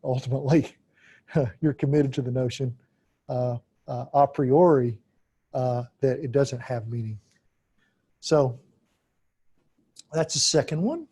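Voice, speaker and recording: A man lecturing on philosophy in an unscripted way, deliberate and halting, with frequent "uh" fillers and key phrases repeated for emphasis. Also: mid-range voice, mellow, husky.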